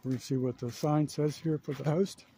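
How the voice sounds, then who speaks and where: On a handheld camera carried outdoors, a vlogger narrates a casual walking tour of a campground, thinking aloud with plenty of fillers. His voice is fairly high, steady and brisk, with a creaky, dark, husky quality.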